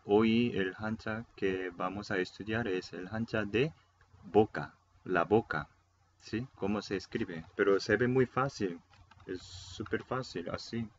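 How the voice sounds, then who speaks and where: Guy teaching a casual online lesson in spanish, super slow, repeats stuff, lo-fi sound with faint hiss. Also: lowish voice. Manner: unhurried, explains step by step, repeats words, frequent "eh". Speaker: Korean language teacher. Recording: dull lo-fi sound, faint noise.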